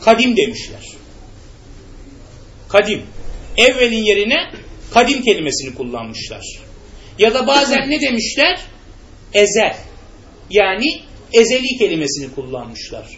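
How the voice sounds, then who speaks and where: A man's voice: sits high, sing-song, moderate pace, long pauses, a bit bright. A man teaching a religious lesson, often asking his students questions and then answering them himself. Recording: muffled recording with faint background noise.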